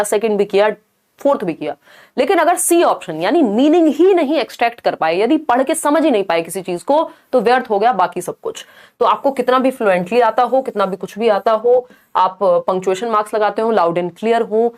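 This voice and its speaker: A woman's voice: on the high side, a little mellow. Chatty woman teaching a live online class. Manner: chatty, mixes English into Hindi, asks the class to confirm. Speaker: exam-prep teacher.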